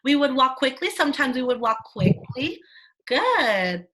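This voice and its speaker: Teacher for a kids' video-call class: woman, fairly high, bright, upbeat prompting. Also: sing-song, unhurried. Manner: encouraging, sing-song teacher prompting. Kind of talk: online class lesson for children. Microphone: laptop mic on a video call.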